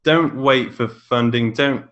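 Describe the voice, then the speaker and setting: A British man from England chats casually as a podcast guest; he's an indie author and filmmaker, informal and self-deprecating. His mid-range voice is steady, slow and a bit bright, though the recording sounds muffled.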